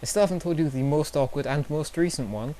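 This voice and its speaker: A man's voice: a little high, fast, mellow. Chatty young man telling stories. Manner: chatty and self-deprecating, with nervous fillers. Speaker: vlogger. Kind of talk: casual storytelling vlog.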